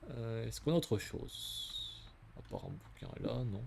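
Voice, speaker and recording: A man quietly muttering his way through a game, commenting to himself as he explores. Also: fairly low pitch, huge pitch swings, slow, creaky, background noise. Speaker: gamer. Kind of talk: let's play commentary.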